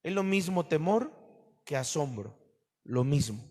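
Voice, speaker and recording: A pastor preaching a sermon to his congregation, animated and full of questions to his listeners. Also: on the high side, measured pace, big-room sound.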